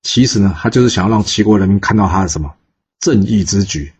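Husky male history storyteller. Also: lowish voice, fast talker. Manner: lively, asides to listeners.

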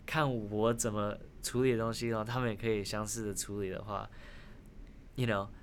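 A man's voice: lowish voice, level tone, fairly quick, a little hiss or hum. A man, native in Taiwanese Hokkien, speaking Mandarin like a foreigner in a casual podcast chat, searching for words and mixing in English. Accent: foreign accent in Mandarin. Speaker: podcast guest.

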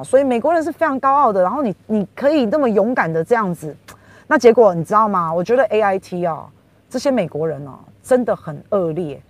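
A woman's voice: mid-range voice, no echo. A woman with a Taiwanese Mandarin accent hosting a political commentary podcast. She talks in an emphatic, indignant way, full of rhetorical questions. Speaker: podcast host.

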